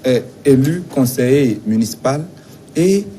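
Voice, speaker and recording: A man from Togo representing a teachers' union, answering interview questions in a measured, insistent way with some hesitations. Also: mid-range voice, expressive, dark tone, a little hiss or hum.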